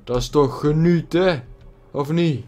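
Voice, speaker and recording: A man's voice: on the high side, takes it slowly, a little mellow. A man giving casual gameplay commentary at his computer, swearing a lot with exaggerated frustration. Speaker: gaming YouTuber. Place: at a computer desk with a loud keyboard. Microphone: desk microphone.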